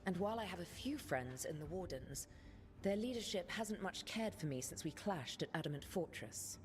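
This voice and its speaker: A woman's voice: lowish voice, animated, close to an everyday voice. An actress voicing the Inquisitor, a seasoned woman leader who speaks earnestly and falters when moved, in a fantasy game over music. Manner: earnest, halting when emotional. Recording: game audio with music underneath.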